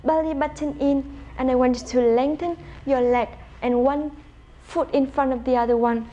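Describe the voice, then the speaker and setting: A young woman with a high voice guides an exercise class, calling out short directive cues and counts. She encourages as she instructs. The recording is slightly dull and muffled. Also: fairly even intonation, normal speed, dark tone. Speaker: pilates instructor. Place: bright room at home with wooden floor, indoors.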